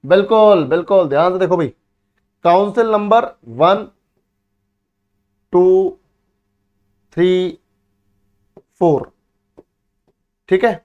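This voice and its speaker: A man's voice: high voice, takes it slowly, pauses often, lo-fi sound. A man teaching an exam-prep history lesson at a board, repeating key words and asking his students questions that he then answers himself. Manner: repeats key words for drilling, calls students beta and bhai.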